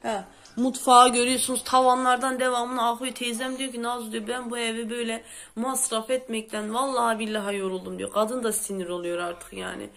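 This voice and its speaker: A woman's voice: a little high, flat delivery, a little fast, a bit bright. A woman hosting a casual home vlog, chatty and exclamatory, a bit sick with a sore throat, complaining as she talks. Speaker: vlogger host. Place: at home, indoors.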